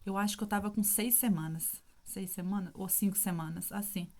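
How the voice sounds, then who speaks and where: A woman's voice: mid-range voice, steady tone, a little fast, darkish tone. A woman in her thirties telling a personal story in an emotional, casual way, often apologizing for her feelings. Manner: emotional, tearful at times, with many fillers. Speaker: vlogger sharing her testimony.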